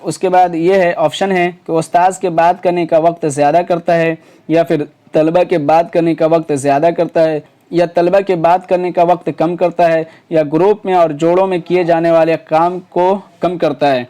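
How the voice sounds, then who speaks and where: A man's voice: on the high side, level tone, dark tone, smooth. Chatty man teaching exam answers. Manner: conversational, many fillers and self-corrections, rhetorical questions. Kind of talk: solving past exam questions, explaining each option.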